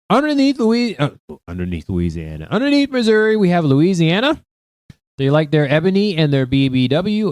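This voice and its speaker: A male podcast host talking casually on his own, full of wry asides and little tangents. His pitch swings up and down freely as he reacts. The sound is close and dry, with no room echo. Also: a little mellow. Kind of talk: casual solo podcast commentary.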